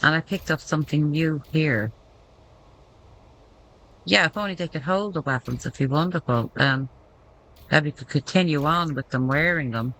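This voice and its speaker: A woman's voice: low-pitched, moderate pace, long pauses, fairly bright tone, a little hiss or hum, rough recording. A woman giving casual gameplay commentary, thinking aloud and reading menu text out as she goes.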